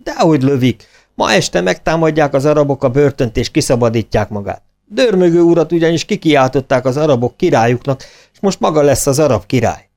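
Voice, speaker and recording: A man's voice: a little high, expressive, darkish tone, pitched above the performer's own voice. A man voicing an eager, scheming male helper in a storybook, talking in an urgent, conspiring way. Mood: reassuring.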